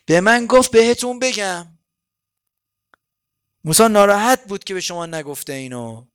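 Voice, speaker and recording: Preacher doing a sly smooth-talking deceiver. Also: male voice, high voice, lively intonation, a bit bright, pitched above the performer's own voice. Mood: persuasive. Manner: chatty, mock-intimate storytelling. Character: sly smooth-talking male deceiver spinning a tall tale. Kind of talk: sermon storytelling.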